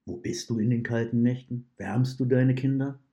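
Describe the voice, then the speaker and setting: A man voicing a stern, patient male wolf catcher who asks calm, probing questions in a read-aloud story. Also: mid-range voice, moderate pace, muffled recording, lightly acted.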